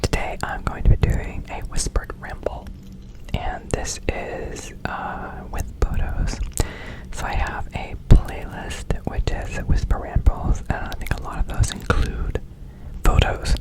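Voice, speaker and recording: A man hosting ASMR in a breathy, unvoiced whisper, rambling casually and repeating words in rhythmic runs. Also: slow, rough recording. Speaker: ASMR video host.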